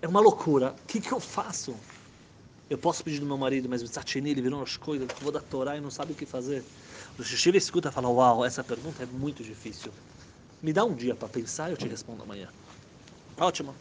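A man giving a storytelling sermon, animated, acting out the people in his stories. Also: mid-range voice, fast, slight background noise. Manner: animated, acts out characters' voices. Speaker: rabbi telling stories.

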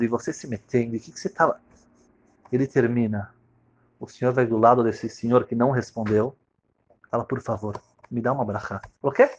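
A man giving a sermon, telling stories and acting out the voices in them with sudden loud, high cries. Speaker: religious teacher. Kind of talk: sermon with storytelling. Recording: dull lo-fi recording.

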